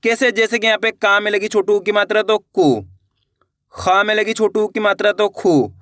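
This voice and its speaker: A man's voice: high-pitched, normal speed, fairly bright tone, no room sound, studio quality. A man teaching reading, patiently sounding out words letter by letter in an online lesson. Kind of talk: slow spelled-out teaching.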